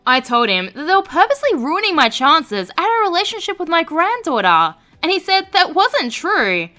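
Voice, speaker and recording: A woman narrator reading online stories aloud and adding sarcastic, expressive commentary. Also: high-pitched.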